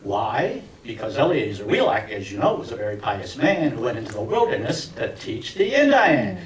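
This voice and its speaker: A man in his seventies doing a stand-up routine for fellow alumni, telling tongue-in-cheek stories with deadpan punchlines. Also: mid-range voice, normal speed, far from the mic. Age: 70s. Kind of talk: stand-up comedy. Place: reunion event hall with audience. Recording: echoey room miked from afar, crowd laughter.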